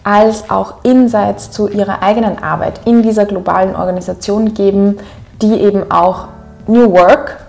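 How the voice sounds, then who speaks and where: Still getting over a cold, a young podcast host with an Upper Austrian accent starts her solo show with a chatty intro aimed directly at her listeners. Her mellow voice sits at medium pitch, and she says "um" a lot while staying friendly.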